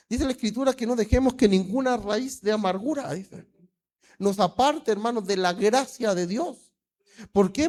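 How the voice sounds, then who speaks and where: A pastor with a Peruvian Spanish accent preaches with fervor, his voice sitting high for a man. He keeps working the word "hermano" into almost every phrase. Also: darkish tone. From Peru. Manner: preaching fervently, repeats "hermano" often. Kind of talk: sermon.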